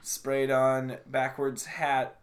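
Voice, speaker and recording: A man's voice: mid-range voice, monotone, extremely slow. A man in casual podcast chat, joking and laughing, with lots of fillers.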